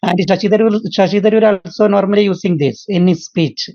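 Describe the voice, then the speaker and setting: Very slow Malayali-accented student on a call. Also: medium pitch, mellow, no room sound. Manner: halting, searching for words. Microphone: video call. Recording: dull, dry video-call audio.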